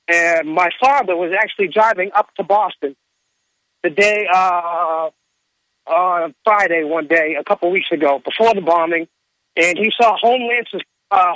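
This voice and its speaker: A man calling in to a radio talk show, talking casually in a halting, earnest way. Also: high-pitched, fairly bright tone, no echo, low-quality recording.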